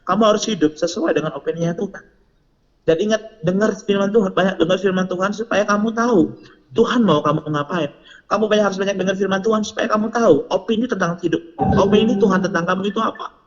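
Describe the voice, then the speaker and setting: A man's voice: high voice, fast. A man giving a casual youth sermon and prayer. He preaches in a chatty, slangy way and keeps asking his listeners questions. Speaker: youth devotion speaker. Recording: muffled lo-fi recording.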